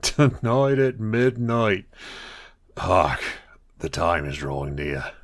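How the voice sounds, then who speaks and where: A man's voice: sits low, sing-song, heavily acted. A man voicing an aging male spirit who speaks with grave, solemn sorrow. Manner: slow, solemn delivery.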